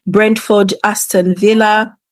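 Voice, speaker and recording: A woman's voice: medium pitch, little pitch movement, takes it slowly, no echo. A woman hosting a football show, commenting casually in an informal, conversational way with hesitant asides. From England. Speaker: football podcast host.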